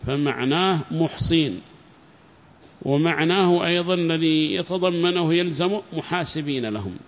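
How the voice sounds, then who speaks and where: A male teacher giving a classroom lesson on Quran commentary, explaining word meanings step by step, repeating key phrases and quizzing his students. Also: a little high.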